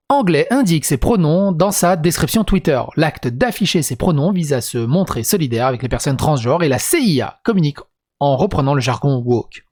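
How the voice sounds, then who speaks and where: A French-speaking YouTube commentator with a slightly high, slightly mellow voice reads from a script. Between the read passages, he throws in crude, sarcastic asides.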